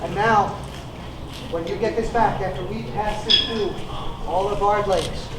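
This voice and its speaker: Male knight presenting regalia: solemn, formal, measured phrases, far from the mic with clear noise behind. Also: sits high, fairly even intonation. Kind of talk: solemn ceremonial speech. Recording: very echoey, distant, noisy live recording.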